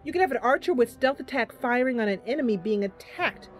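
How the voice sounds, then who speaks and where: Quick and expressive, this streamer's voice sits on the high side, with soft music in the background. As host of the channel, she chats to her viewers and talks through her in-game decisions in a casual, live way.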